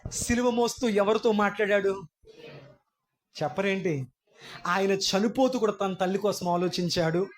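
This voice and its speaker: A male pastor preaching a sermon in a church, questioning his congregation and rising to impassioned shouts. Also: high voice, normal speed, long pauses. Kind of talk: Easter sermon. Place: church hall.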